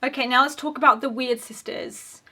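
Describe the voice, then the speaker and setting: A woman's voice: high-pitched, steady tone, moderate pace, pushed and bright. A young woman giving an opinionated, casual commentary on a TV series, talking in a chatty way with lots of "like" fillers. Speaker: video essayist.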